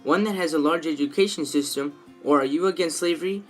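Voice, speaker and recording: A man reading a scripted infomercial-style sales pitch as its presenter. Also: brisk, soft background music.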